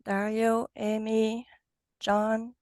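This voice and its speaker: A woman's voice: fairly high pitch, completely flat delivery, very slow, darkish tone, dry recording, studio quality. A woman hosting a casual online workshop, losing her voice and coaxing the group to ask questions. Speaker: workshop host. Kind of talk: casual video-call workshop.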